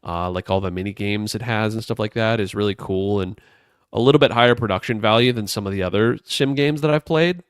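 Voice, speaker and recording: A man co-hosting a casual gaming podcast, rambling in a relaxed way with lots of fillers. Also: lowish voice, fairly quick, clear, resonant tone, no room sound, clean studio sound. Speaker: podcast co-host.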